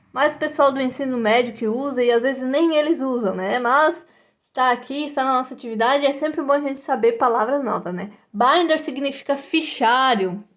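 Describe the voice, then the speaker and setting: A woman teaching English vocabulary to children in a slow, patient way, repeating each word and checking in with short tags. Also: sits high, a bit bright.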